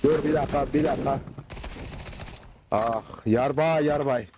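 A man doing casual gameplay commentary, excitable and swearing when the game frustrates him, slipping into dialect when angry. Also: mid-range voice, measured pace, noisy background. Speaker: gaming YouTuber. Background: faint game gunfire.

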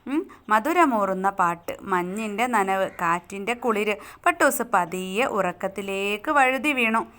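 A woman's voice: mid-range voice, lively intonation, unhurried, a bit bright. A young woman teacher, retelling a children's story and asking her pupils questions as she goes. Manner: explains and asks the listeners questions.

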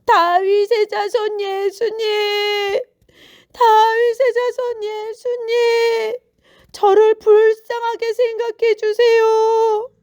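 A woman voicing a blind beggar, desperate, wailing pleas, very high, very dry sound. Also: steady tone, very slow, darkish tone, dry recording, heavily acted. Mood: pleading. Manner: crying out, pleading, wailing. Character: desperate blind beggar man pleading loudly.

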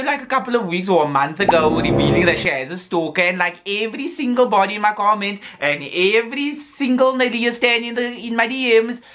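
Sassy young man, bright voice. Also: high-pitched. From South Africa. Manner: sassy, rambling, heavy on "like" fillers. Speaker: YouTuber. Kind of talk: casual vlog rant.

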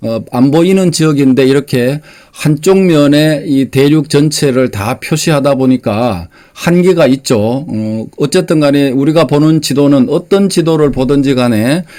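A man hosting a quiz channel, reading out questions and giving short explanations in a plain, unpolished voice with many filler sounds. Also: mid-range voice. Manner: steady step-by-step explaining. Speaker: quiz host.

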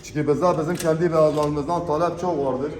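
A man giving an unscripted auctioneer's sales pitch, presenting lots in an emphatic way and repeating his phrases. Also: fairly even intonation, a little fast, a little mellow. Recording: echoey room with background noise. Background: birds, pigeons.

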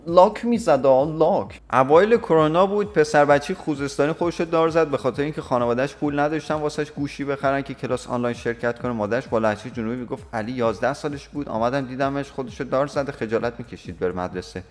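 A man's voice: medium pitch, hardly any pauses. A man in his twenties from Iran giving blunt, opinionated reaction commentary with crude slang. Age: 20s. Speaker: YouTuber reacting to a clip.

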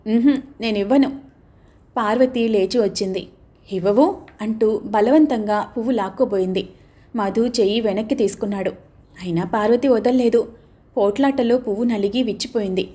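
Soft-toned woman reading a novel. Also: medium pitch, fairly even intonation, brisk. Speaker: audiobook narrator. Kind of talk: scripted narration.

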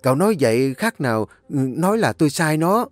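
A man's voice: fairly high pitch, big pitch swings, brisk, no echo, soft background music, pitched above the performer's own voice. A man voicing a domineering older mistress of a rich house who scolds harshly. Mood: scolding.

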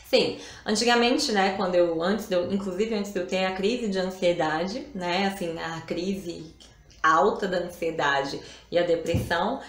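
A woman's voice: lowish voice, measured pace. A woman, hosting a live stream and talking about emotions in a casual, reflective way, often adding little tag questions. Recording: roomy echo.

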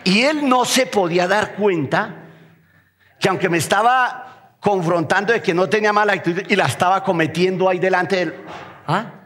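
A Colombian pastor with a high, ringing voice delivers a lively sermon, firing rhetorical questions at his congregation. His words echo through a church sanctuary with a long, lingering reverb. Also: moderate pace.

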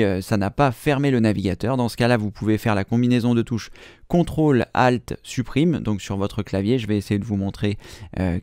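This screen-recorded computer tutorial is hosted by a man in his thirties who patiently explains each step with fillers. His voice is lowish with a darkish tone, and the studio recording is clean with no room sound.

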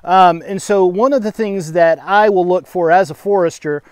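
A middle-aged man working as a forester, explaining outdoors by a creek in a steady, plain-spoken way with occasional fillers. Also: sits high, normal speed, clear, resonant tone, dry recording. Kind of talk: on-site educational explanation.

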